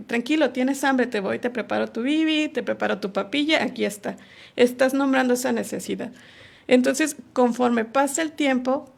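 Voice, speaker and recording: A woman, a guest on a podcast, calmly explaining sexual education in casual conversation and acting out small quoted dialogues. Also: a little high, vocal fry.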